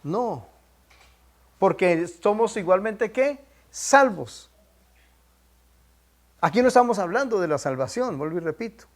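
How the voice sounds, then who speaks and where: A man with a high voice teaches a Bible class. He drives his points home by saying them again and prompting the listeners to call out answers. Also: lively intonation, a little slow, pauses often. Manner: quizzes listeners with prompting questions; emphatic, repeats key points.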